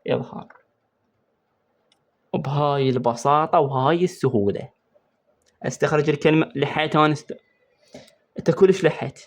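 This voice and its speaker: Writing on a board as he explains, an Iraqi-accented man preps a student for an exam on Quran recitation rules. He asks quiz questions, repeats the main points slowly, and speaks on the high side.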